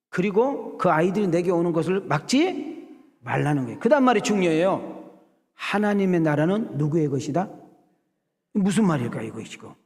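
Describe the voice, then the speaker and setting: A middle-aged male pastor preaching a conversational, joking sermon to his congregation, acting out scenes with shouted voices. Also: fairly high pitch. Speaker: senior pastor. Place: church sanctuary. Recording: long hall reverb in a church sanctuary.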